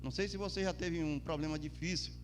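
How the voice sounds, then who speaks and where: Male pastor, high voice, preaching in church, swells and stretches key words. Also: fairly even intonation, faint music behind. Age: adult. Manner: preaching with emphatic rises and drawn-out words. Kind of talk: sermon. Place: church during a Sunday service.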